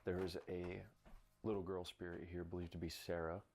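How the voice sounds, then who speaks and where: A man on a ghost hunt explaining the trigger items in a relaxed, joking way. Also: sits low, moderate pace. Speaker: ghost hunter. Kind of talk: casual paranormal investigation vlog. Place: indoors in an old inn.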